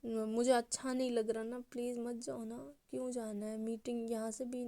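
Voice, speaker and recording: A woman's voice: fairly high pitch, level tone, moderate pace, mellow, close to an everyday voice. A woman voicing a clingy young woman in love who pleads and sulks in a whiny way. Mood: pleading.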